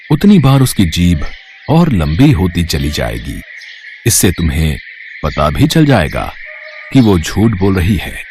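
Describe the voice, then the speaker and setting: A man voicing a wise old holy man in a cartoon, speaking in slow, solemn pronouncements. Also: low-pitched, darkish tone, full character voice. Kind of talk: cartoon voice acting.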